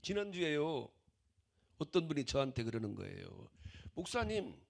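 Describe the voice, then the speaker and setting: Older male pastor with a gravelly, lively voice. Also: sits high, moderate pace. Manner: emphatic, repeats rhetorical questions. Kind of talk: sermon.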